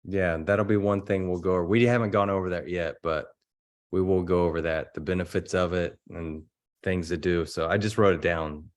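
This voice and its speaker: A man's voice: low voice, steady tone, normal speed. A man hosting a group video call, upbeat and encouraging as he wraps up. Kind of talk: casual video call chat.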